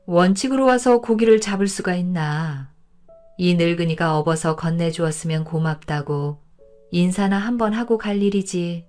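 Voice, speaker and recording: A woman voicing a calm, wry old man who is a high state minister in disguise. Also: soft background music, natural voice. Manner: quiet, unhurried, dry.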